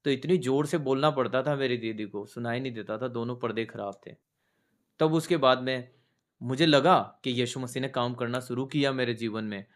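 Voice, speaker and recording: A man's voice: medium pitch, normal speed. A soldier sharing a personal faith testimony in an earnest storytelling manner, shifting his tone as he recounts conversations. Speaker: soldier giving a church testimony.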